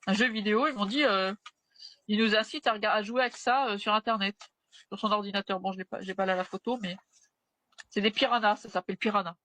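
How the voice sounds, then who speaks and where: Woman guest, halting testimony, bright dry voice. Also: mid-range voice, fairly even intonation, no echo. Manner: halting, retelling with quoted dialogue. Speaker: interview guest, a mother. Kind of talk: personal testimony in conversation.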